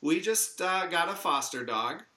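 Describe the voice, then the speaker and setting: A man's voice: a little high, lively intonation, unhurried, pushed and bright. An American man chatting casually as a podcast host, in a jokey manner. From Chicago, United States. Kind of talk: casual chat.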